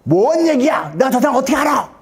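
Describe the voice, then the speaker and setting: A man's voice: high voice, sing-song, racing, vocal fry, breathy edge, pitched above the performer's own voice, heavily acted. A man voicing the disciple Peter as a boastful, blustering man in a retold story. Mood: defensive.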